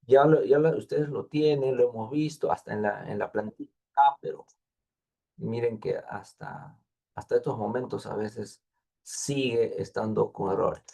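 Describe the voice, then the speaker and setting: A thesis advisor teaching an online class patiently walks students through formatting details, repeating points and thinking aloud. His medium-pitched voice is measured, creaky, husky and dark in tone.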